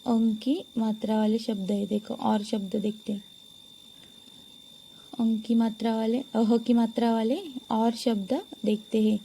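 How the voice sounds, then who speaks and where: A woman teacher giving a lesson to young pupils, slowly sounding out words one by one and repeating them for the class. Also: a little high, level tone, creaky, mellow, slight background noise. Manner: slow, deliberate, repeats each word for pupils to follow.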